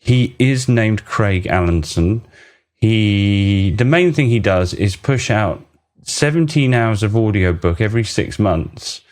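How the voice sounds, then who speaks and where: Excitable low-voiced podcast host. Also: male voice, slow pace. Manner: rambling, excitable, laughing. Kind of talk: casual podcast chat.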